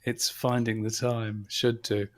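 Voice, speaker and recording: A man's voice: on the low side, level tone, unhurried. A man co-hosting a casual live question-and-answer chat on an earphone headset, reading out viewer comments and telling stories. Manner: chatty storyteller, reads out viewer comments. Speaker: co-host. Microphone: earphone headset on a video call.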